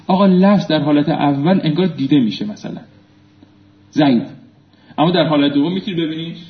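A man with a fairly high voice teaches a class and quizzes his students. His tone swings from loud prompts to low asides. The recording is muffled and lo-fi and picks up a lot of echo from the room. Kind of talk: classroom lecture with call-and-response drilling. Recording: echoey room, muffled lo-fi sound.

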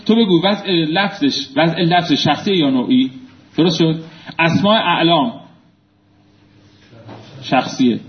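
A male teacher giving a lecture in a classroom. He quizzes his students and drills them in call-and-response, swinging between loud prompts and low asides. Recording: echoey room, muffled lo-fi sound.

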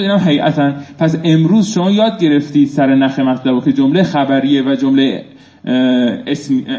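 A male teacher gives a lecture, reading out a classical text and breaking it down line by line. His voice sits a little high, and he keeps turning to his students with questions. The recording is roomy and somewhat muffled. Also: darkish tone. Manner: reads Arabic phrases then explains, asks students questions. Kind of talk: seminary lecture on Arabic text. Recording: echoey dull room recording.

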